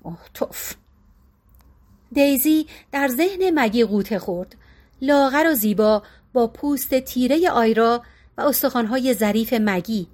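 A woman reading a novel as an audiobook narrator, in a steady, measured manner. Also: fairly high pitch. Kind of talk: scripted narration.

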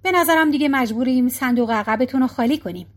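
A woman reading a storybook voicing an impatient middle-aged husband who keeps asking pointed questions. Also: high-pitched. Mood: exasperated.

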